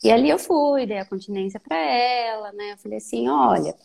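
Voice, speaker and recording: Woman, 30s, slightly high voice, gravelly texture, gentle, thoughtful, conversational. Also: brisk. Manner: thoughtful, gentle, many fillers. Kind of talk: reflective conversation.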